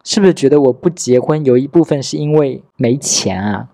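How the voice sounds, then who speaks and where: Mellow-voiced man telling a wry personal story. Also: medium pitch, lively intonation, fairly quick, creaky, no room sound. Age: 30s. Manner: candid and wry, replays conversations with relatives. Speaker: podcast host. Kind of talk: casual storytelling monologue.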